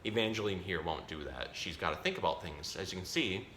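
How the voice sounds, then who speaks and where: Presenting an animal storytime as a zookeeper, a man talks to children in a relaxed, chatty way, simplifying ideas and self-correcting. His low-pitched voice is fairly bright and a little fast, recorded with roomy echo and faint noise.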